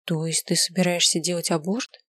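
A woman voicing a caring young best friend who speaks eagerly and often in a hushed whisper. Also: on the low side, little pitch movement, a little fast, slightly rough, no room sound, studio quality. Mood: concerned.

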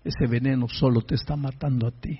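A man preaching and quoting a contrite young man, once bitter and angry, in a soft, low, pleading voice. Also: fairly even intonation, fairly quick, husky, highs cut off. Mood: remorseful.

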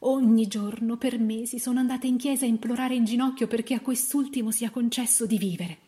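A woman's voice: mid-range voice, fairly even intonation, fairly quick, dark tone, close to an everyday voice. A woman voicing a frail, grieving young mother who pleads tearfully in a storybook reading.

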